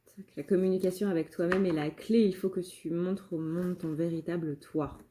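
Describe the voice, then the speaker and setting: A woman with a somewhat low, mellow voice gives a casual channeled card reading. She talks in a halting way, often pausing on fillers and starting phrases over. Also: steady tone, a little hiss or hum. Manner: hesitant, many fillers and restarts. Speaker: tarot reader and medium.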